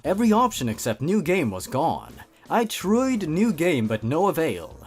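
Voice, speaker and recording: His pitch sits on the high side and swoops wildly, the voice a little mellow yet husky, at normal speed. As a comedy video host, he reads horror fan fiction dramatically and breaks off for wry, sarcastic, theatrically stressed commentary.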